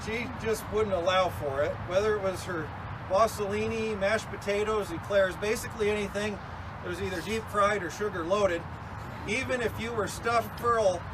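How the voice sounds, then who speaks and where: A man's voice: high voice, fairly even intonation, moderate pace. A man officiating a funeral, delivering a eulogy in a conversational, folksy way with casual asides. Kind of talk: eulogy at a graveside service. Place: outdoors at a graveside. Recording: clear outdoor noise, passing vehicles. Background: outdoor ambience and vehicle noise.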